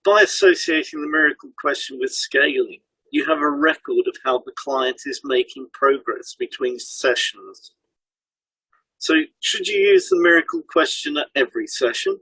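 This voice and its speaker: This man, a hypnotherapy trainer and podcast co-host, reads instructive scripted explanations for an educational show. His mid-range, husky voice has big pitch swings, a moderate pace and a sharp tone, in a low-quality recording without room sound.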